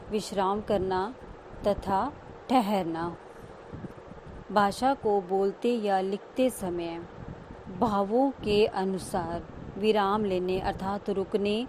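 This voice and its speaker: Woman teacher, unhurried, patient explainer, faint traffic in background. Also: medium pitch, darkish tone. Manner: slow, explains each term and repeats it. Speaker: school teacher. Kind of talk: online grammar lesson.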